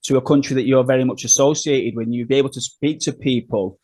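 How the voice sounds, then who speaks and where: A man hosting an interview podcast, asking long, looping questions with lots of restarts and warm praise. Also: mid-range voice, fairly even intonation, quick pace, dry recording. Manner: enthusiastic and complimentary. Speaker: podcast host. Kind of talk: conversational interview.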